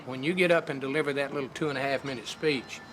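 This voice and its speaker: A man who works as a Lincoln presenter, talking in a folksy, plainspoken way with halting pauses. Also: medium pitch, steady tone, fairly bright tone, a little hiss or hum. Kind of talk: documentary interview.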